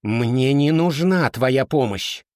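A man voicing an upset, tearful young schoolgirl in an audiobook, who speaks slowly and cries out. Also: mid-range voice, animated, dry recording, clean studio sound. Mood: angry tearful. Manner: shouting, sobbing, slow.

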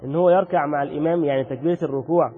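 A man's voice: a little high, racing. A man with an Egyptian Arabic accent teaching Islamic law. He explains each point, asks questions and then answers them himself. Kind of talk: religious lesson. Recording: dull lo-fi recording with long reverb.

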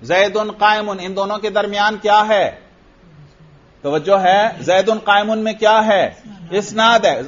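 A man's voice: high voice, a bit bright. A man teaching Arabic grammar in a classroom lecture, asking his students questions and answering them himself, reading Arabic text aloud and then explaining it. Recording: dull lo-fi lecture recording.

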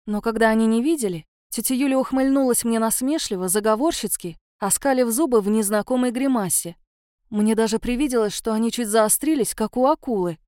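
A woman narrates a first-person audiobook story, expressive and measured. Her voice sits somewhat high. The recording is close and dry. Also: no room sound.

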